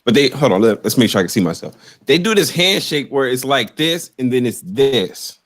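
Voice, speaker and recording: A podcast host talks loosely over a video call during a live show, rambling and repeating himself in casual live-stream chat. His medium-pitched voice swings widely in pitch, at a moderate pace.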